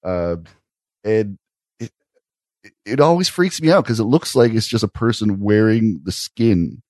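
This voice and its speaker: Wry, low-voiced man podcaster. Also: lively intonation, darkish tone, no room sound, studio quality. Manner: thoughtful, wry, with "uh" pauses. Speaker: podcast co-host reviewing sketch comedy. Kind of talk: casual chat.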